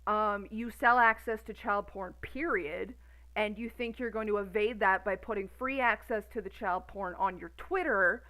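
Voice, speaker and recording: A woman's voice: medium pitch, normal speed, sharp tone, rough recording. A woman in her thirties ranting on a stream in a profane, sarcastic, exasperated way. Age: 30s. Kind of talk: casual ranting commentary.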